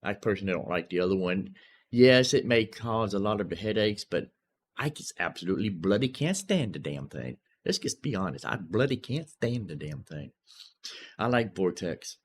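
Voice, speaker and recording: Over clearly noisy background sound, a man streams casual gameplay and modding commentary, talking through every step informally as he thinks aloud. He has a deep voice with lively intonation at a moderate pace.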